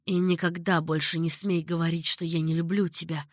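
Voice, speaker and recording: A woman's voice: lowish voice, little pitch movement, brisk, dry recording, clean studio sound, lightly acted. Woman reading a grave, tender caliph. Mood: earnest. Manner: earnest, patient, sorrowful. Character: older male caliph, grave and tender ruler.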